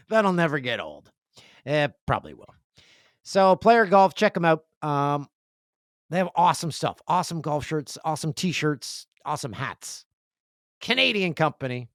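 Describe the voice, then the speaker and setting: A podcast host with a fairly high pitch talks a little slowly and pauses often, recorded in studio quality without echo. Sitting at a microphone indoors in a room with a video setup, he reads listener emails and tells animated, jokey, rambling stories in casual chat.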